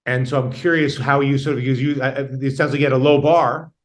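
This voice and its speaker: A man's voice: mid-range voice, fairly even intonation, fast talker. A man hosting an interview show, often rephrasing his questions as he goes in a conversational way.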